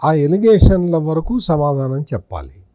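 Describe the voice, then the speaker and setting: This senior male journalist sounds mellow and a little slow, his slightly high voice swinging widely in pitch. He levels accusing political commentary in an interview, aiming rhetorical questions at a politician who isn't there, in a dry recording with clean studio sound.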